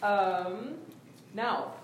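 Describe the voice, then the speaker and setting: A woman choir director gives brisk, instructive notes during a rehearsal. Her voice sits in the middle range and rings out in a very echoey room. A faint hiss lies under the recording. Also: medium pitch. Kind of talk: rehearsal coaching.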